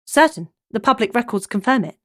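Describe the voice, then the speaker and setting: A woman's voice: on the high side, lively intonation, brisk, no room sound, clean studio sound, pitched above the performer's own voice, natural voice. A woman voicing a playful, flirtatious female amateur sleuth in a cozy mystery audiobook. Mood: confident.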